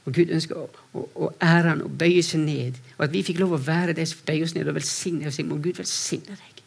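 A man preaching a sermon to a congregation, earnest and storytelling, often restarting phrases and moving between quiet and raised delivery. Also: on the high side, steady tone, creaky, husky. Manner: earnest, repeats words when restarting, shifts between soft and raised voice. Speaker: preacher speaking for a mission to persecuted Christians. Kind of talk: sermon with personal stories.

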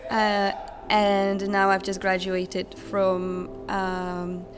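Music runs under this conference-center interview, along with venue ambience and a far-off sound check. The guest is a young recent graduate from the Czech Republic, replying in English in a thoughtful, hesitant, chatty way. She speaks very slowly in a monotone, mid-range voice.

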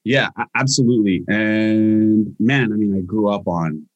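A man's voice: lowish voice, a little slow, no room sound, lo-fi sound. A young Hawaiian man answering interview questions casually as a guest scientist, with frequent restarts and fillers.

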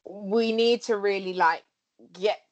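A woman's voice: medium pitch, steady tone, slow pace, dull audio. A young woman with a Cockney accent, co-hosting a casual podcast discussion, earnest and full of fillers and restarts. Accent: London Cockney. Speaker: podcast co-host.

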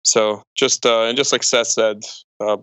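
Speaking a little slowly in a steady, fairly low and slightly bright voice, a Croatian entrepreneur and speaker in his forties talks about his own life as a podcast interview guest. There is no room sound.

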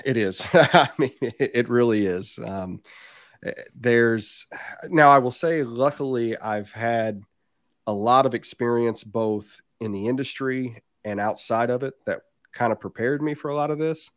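A man's voice: mid-range voice, unhurried, no echo, clean studio sound. A man with a southern Indiana accent near the Kentucky border, chatting casually and candidly as a podcast guest. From southern Indiana, United States. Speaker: podcast guest, reptile business owner.

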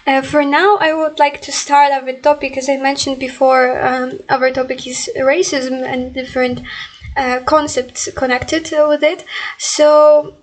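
Slow, high-voiced woman podcast host. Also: level tone, low-quality recording. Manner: hesitant, many fillers. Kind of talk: casual podcast interview.

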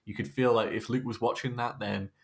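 A man's voice: medium pitch, fairly even intonation, brisk, husky. A man co-hosting a casual film chat, easygoing and agreeable. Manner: easygoing, agreeable, laughs along. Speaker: podcast co-host. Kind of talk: casual chat about films.

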